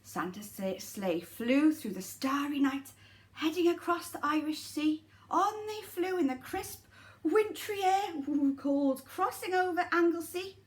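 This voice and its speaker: A nursery teacher with a high voice reads a children's story a little slowly, animated and dramatic, turning to speak directly to the young listeners in asides.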